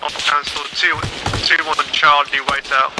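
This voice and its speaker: A man's voice: on the high side, flat delivery, unhurried. A man giving clipped military radio calls, heard over a helmet radio. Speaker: radio command station. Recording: distant radio voice over clear background noise.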